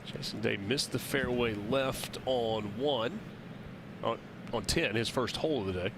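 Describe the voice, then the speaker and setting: A man's voice: mid-range voice, unhurried, gravelly, noisy background. A man calling golf play-by-play as the lead commentator on a broadcast.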